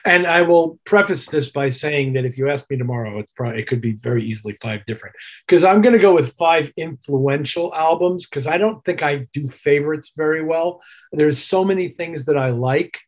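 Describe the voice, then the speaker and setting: On the high side and brisk, a man speaks as the keyboard-playing guest of an interview. He reflects conversationally, repeating phrases to emphasize them.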